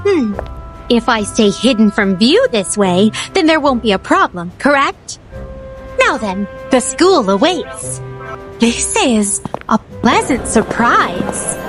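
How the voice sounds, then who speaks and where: A woman voicing a poised, curious and naive otherworldly attendant in a video game, speaking in formal, flowery and overly polite phrases. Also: on the high side. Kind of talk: scripted video game dialogue.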